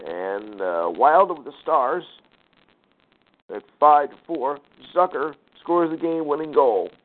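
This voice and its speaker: A man's voice: a little high, expressive. A man hosting a sports talk show, reading out scores and standings with casual asides and lots of fillers. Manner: rattles off numbers with fillers, sighs and quick asides. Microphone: phone call line. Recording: tinny phone-line audio.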